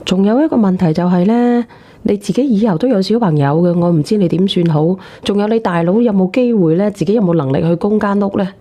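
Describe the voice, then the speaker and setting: A woman with a Hong Kong Cantonese accent hosts a phone-in advice show, talking fast in a warm, mid-range voice. In this unscripted relationship advice chat, she's blunt and directive, telling callers what to do.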